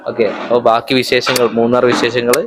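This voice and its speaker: A man's voice: mid-range voice, monotone, fast talker. A man with a Kerala Malayalam accent chatting casually to camera as a travel companion in a vlog. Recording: clearly noisy background.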